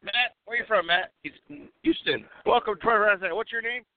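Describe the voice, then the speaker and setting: A man hosting a casual live call-in show while roving outdoors at an event, talking with many fillers and restarts, coughing and clearing his throat now and then. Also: high-pitched, quick pace, dry recording. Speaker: host. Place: outdoors at a railway depot event. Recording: tinny phone line, dry.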